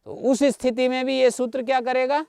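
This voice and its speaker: A man's voice: very high-pitched, steady tone, fairly quick, vocal fry, a little mellow, clear, resonant tone, no echo, studio quality. A man teaching Sanskrit grammar in an online class, explaining rules patiently, repeating key points and checking that his listeners follow. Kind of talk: explanatory lecture.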